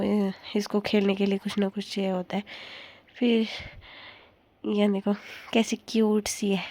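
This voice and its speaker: Young woman vlogging, gravelly, flat and mellow tone, chatty and rambling, dry close sound. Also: medium pitch, no echo. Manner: chatty, rambling, laughs often. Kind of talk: casual vlog narration.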